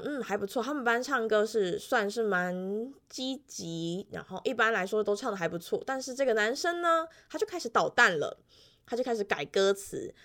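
Chatty young Taiwanese-accented woman. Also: medium pitch. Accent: Taiwanese Mandarin. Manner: chatty, animated storytelling with frequent laughs and fillers. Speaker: elementary school music teacher. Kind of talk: casual weekly vlog storytelling.

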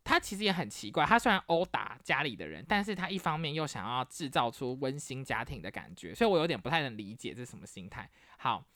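A woman's voice: a bass voice, quick pace, few pauses, no echo, clean studio sound. A woman from Taiwan hosting a podcast, chatting casually through family stories and acting out each person's quoted voice. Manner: chatty, animated storytelling that acts out the quoted voices of family members. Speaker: podcast host. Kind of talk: casual storytelling monologue.

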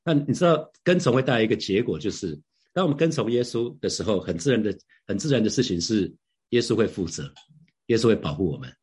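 Husky-voiced middle-aged preacher. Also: male voice, fairly low pitch, lively intonation, quick pace, darkish tone. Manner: conversational, repeats and restarts phrases, rhetorical questions. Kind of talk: devotional Bible sharing.

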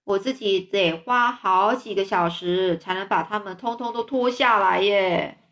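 A woman voicing a cheeky, boastful giant centipede in a storybook reading, talking loudly and teasing. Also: medium pitch, a little slow. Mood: cheerful boasting. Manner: bragging, loud and teasing.

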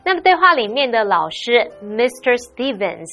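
A woman's voice: fairly high pitch, very animated, moderate pace, a bit bright, soft background music. A woman explaining a lesson as a teacher, mixing English vocabulary into Mandarin.

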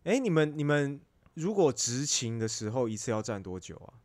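A man's voice: medium pitch, very animated, normal speed, a little mellow, no echo. A man with a Taiwanese accent in casual chat, a curious listener who interjects and asks questions.

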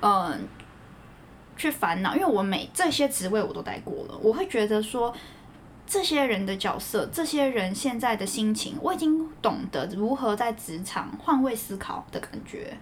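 A woman in her thirties with a Taiwanese Mandarin accent, a guest entrepreneur in a casual chat, with quick interjections and calm answers. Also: fairly high pitch, slight background noise.

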